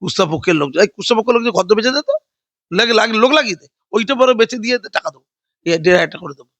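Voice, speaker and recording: A man's voice: sits high, animated, very fast, a bit bright, dry recording, lo-fi sound. An older man giving a heated political interview, combative and sarcastic, rambling and mocking with repeated phrases.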